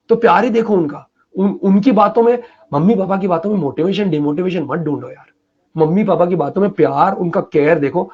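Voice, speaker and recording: A man's voice: high-pitched, a little mellow, muffled recording. A man mentoring students in a casual live Q&A, talking emphatically and colloquially and often slipping into English phrases. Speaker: mentor answering students' questions.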